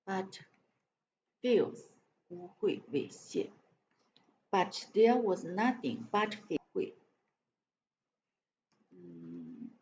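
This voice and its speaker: Slow, halting woman reading. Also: lowish voice, a little mellow. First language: Chinese. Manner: stumbles and repeats words, sounding them out slowly. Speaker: English learner reading aloud. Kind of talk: halting read-aloud practice with spoken translations. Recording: dull lo-fi live-stream audio with faint noise.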